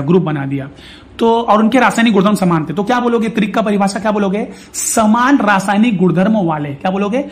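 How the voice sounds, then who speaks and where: A male science teacher giving a casual lecture, chatty and fond, repeating definitions slowly and calling his students "beta". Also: high-pitched.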